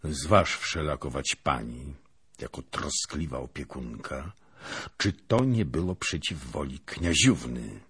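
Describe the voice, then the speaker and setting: A man voicing a calm, proud young nobleman who speaks formally and firmly. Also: a bass voice, slow pace, husky, no echo, clean studio sound, full character voice. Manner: firm, formal, commanding.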